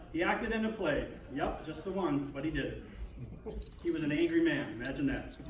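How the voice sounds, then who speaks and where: A man with a slightly high voice reads a prepared eulogy for his father. His grief is dignified and held in, lightened by wry, fond humor. He sounds distant from the microphone, in a very echoey room. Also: noisy background. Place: echoey room, speaking to a gathering.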